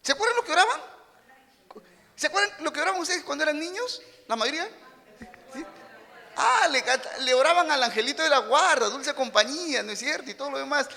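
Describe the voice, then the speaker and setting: A high, bright male voice with a gravelly edge, preaching with lively, swooping delivery. He acts out quoted people as he goes and punches his points hard. The sound carries a long church-hall reverb. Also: fairly quick. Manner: punchy boxing-style exclamations. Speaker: pastor. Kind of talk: sermon. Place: church sanctuary.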